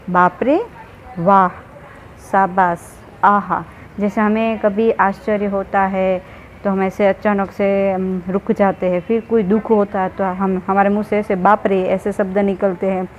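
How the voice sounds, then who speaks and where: A woman's voice: medium pitch, darkish tone. Woman teacher doing a grammar lesson, asks and answers her own questions, bit dull lo-fi recording with faint hiss. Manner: explains slowly and asks questions, then answers them herself. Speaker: school teacher. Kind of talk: online Hindi grammar lesson. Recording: slightly dull recording with faint background noise.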